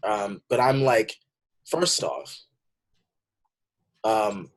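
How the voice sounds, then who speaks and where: A man's voice: fairly low pitch, expressive, drawn-out words. A young man from the Bay Area talking earnestly in a casual group discussion, building to emphatic points. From San Francisco Bay Area. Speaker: panel guest.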